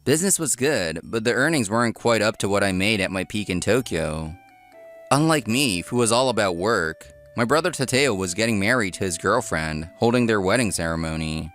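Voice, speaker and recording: A man's voice: fairly low pitch, expressive, normal speed, fairly bright tone, faint music behind. A man reading scripted first-person narration with acted dialogue as a dry restaurant owner in a comic dub. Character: dry, workaholic young male restaurant owner.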